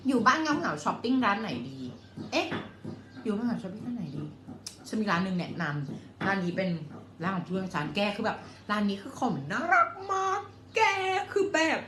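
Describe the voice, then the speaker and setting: A playful young woman chats her way through a casual home Q&A vlog, her pitch bouncing up and down as she reads comments. The sound is roomy, with a faint hiss of noise behind her. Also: fairly bright tone. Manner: chatty, playful, swears and laughs. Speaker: vlogger.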